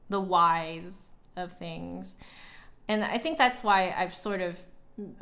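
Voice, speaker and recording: A woman whose voice is on the low side and a bit bright hosts a livestream, chatting casually and reflectively with her chat in an informal, conversational way. She's a flutist.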